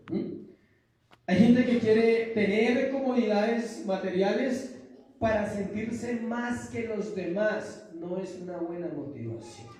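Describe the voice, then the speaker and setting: A man's voice: sits high, dark tone, slight background noise. A man preaching a sermon as pastor, emphatic, throwing questions to the congregation and answering them himself. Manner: emphatic call-and-response preaching. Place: church hall. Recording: echoey church hall from far off.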